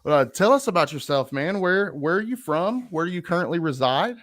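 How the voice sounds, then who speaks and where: A man's voice: a little high, lively intonation, brisk, a bit bright, no room sound. A man hosting a live stream, introducing his guest in an upbeat way, with fillers. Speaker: host.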